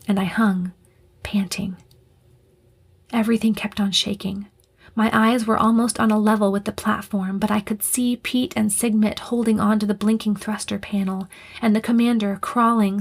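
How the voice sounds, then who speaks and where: A woman reading a first-person audiobook, her narration tense and breathy, often dropping into a half-whisper. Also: mid-range voice.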